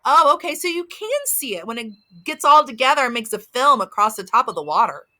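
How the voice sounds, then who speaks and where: A woman with a Southern US accent reads to little children in a high, bright voice. She talks like a teacher with a toddler, sing-song and full of simple questions, and her pitch moves up and down a great deal. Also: lively intonation, a little fast. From American South. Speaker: early childhood teacher and story reader. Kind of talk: reading aloud to young children with commentary. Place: outdoors by a house.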